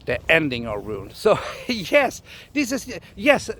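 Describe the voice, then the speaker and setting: Halting man explaining runes. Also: on the high side, huge pitch swings, a bit bright. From Scandinavia. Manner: halting, repeats words, laughs often. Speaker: runologist teacher. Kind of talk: casual explanatory lesson.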